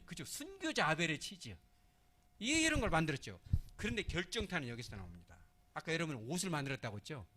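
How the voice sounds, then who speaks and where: A male pastor delivers a midweek sermon in an animated, conversational way, his pitch rising and falling widely. He keeps asking the congregation questions and answering them, then drops into soft, hushed phrases. His voice sits a little higher than most men's. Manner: acts out little scenes in other voices; swings from loud emphasis to soft, hushed phrasing.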